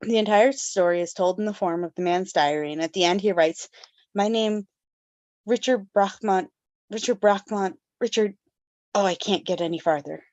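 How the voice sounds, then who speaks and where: A woman's voice: on the low side, a little fast, a little mellow, no room sound, dull audio. A woman hosting a casual book club podcast, reading background notes and then summarizing the story with fillers and laughs. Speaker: podcast host.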